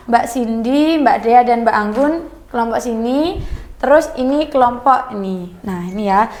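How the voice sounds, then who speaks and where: Young woman, trainer, high voice, lively, teasing, echoey classroom. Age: young adult. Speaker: student trainer in a micro-teaching class.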